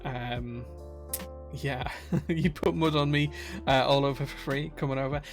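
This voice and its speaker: With music behind him, a married streamer from Yorkshire who builds keyboards chats casually from his workshop, reading out viewer comments. He has a broad accent and a mid-range voice with fairly even intonation at a measured pace, and his friendly talk is dotted with uhs and restarts.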